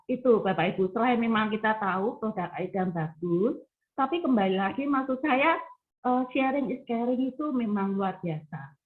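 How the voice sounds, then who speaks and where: A woman telling a personal story on a video call, acting out the dialogue. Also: on the high side. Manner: chatty storytelling, acts out quoted dialogue. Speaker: member sharing a testimony. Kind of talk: casual testimony on a video call. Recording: phone-like video call audio.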